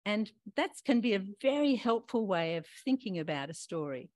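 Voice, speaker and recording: An older woman preaching a gentle, reflective sermon, talking straight to her listeners and asking them questions. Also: mid-range voice, sing-song, normal speed, dry recording. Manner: warm questioning, talks to listeners directly.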